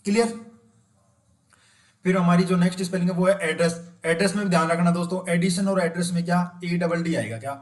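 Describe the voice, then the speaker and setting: A man's voice: on the high side, roomy sound. A man teaching an exam-prep spelling lesson. He spells each word out letter by letter, keeps asking rhetorical questions and checks with his listeners that they follow. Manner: calls the audience friends, keeps checking understanding.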